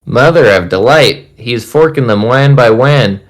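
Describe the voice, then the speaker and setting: Loud, hearty deckhand voiced by a man, roaring and boisterous, pitched well up. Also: a little slow, natural voice, low-quality recording.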